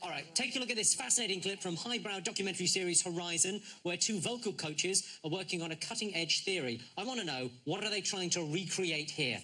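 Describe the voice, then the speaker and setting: A man hosting a comedy quiz show, reading scripted questions with dry, deadpan jokes. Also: sits high, brisk, few pauses. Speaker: quiz host.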